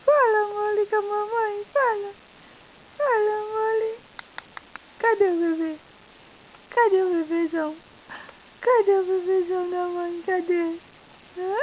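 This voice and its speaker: A woman coos at her pet in singsong baby talk, coaxing it over and over. Her voice is very high and unhurried. The sound is tinny and lo-fi, with a faint hiss underneath. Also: steady tone. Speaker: pet owner talking to her pet.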